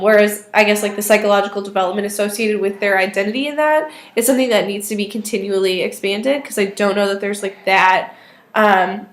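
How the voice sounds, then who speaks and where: Thin, weak-voiced young woman, hesitant. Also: mid-range voice. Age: 20s. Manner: hesitant, tentative, thinking aloud. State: weak voice today. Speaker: student vlogger. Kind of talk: casual spoken video response to a classmate. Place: small indoor office or study. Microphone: webcam or laptop microphone at arm's length. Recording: roomy, echoey webcam sound.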